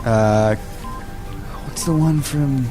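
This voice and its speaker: A man's voice: mid-range voice, drawn-out words, mellow, soft background music. A man giving short, hesitant answers as a quizzed participant on a casual podcast.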